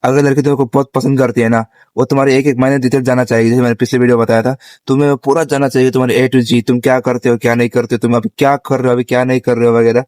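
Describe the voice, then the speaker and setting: A man's voice: mid-range voice, little pitch movement, rapid-fire, darkish tone, no room sound. Chatty young man with a dry close sound. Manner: laughs often, mixes Hindi and English; chatty, addresses listener as bro. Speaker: vlogger giving dating advice. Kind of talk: casual advice monologue.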